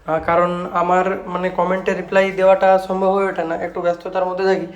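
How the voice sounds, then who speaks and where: This speaker repair shop owner presents products in a relaxed vlog, speaking with a West Bengal Bengali accent and salesman-style repetition peppered with English. His high-pitched voice is brisk and totally flat. The sound is lo-fi.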